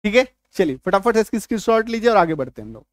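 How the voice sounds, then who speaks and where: A man's voice: sits high, sing-song, racing, no room sound, studio quality. A man teaching an English spelling and pronunciation lesson, repeating key words and quizzing the viewer.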